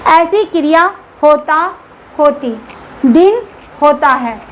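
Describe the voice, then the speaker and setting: A woman's voice: high-pitched, lively intonation, takes it slowly, a bit bright, slight background noise, poor audio. A woman school teacher giving a grammar lesson to children, patiently asking questions and answering them herself.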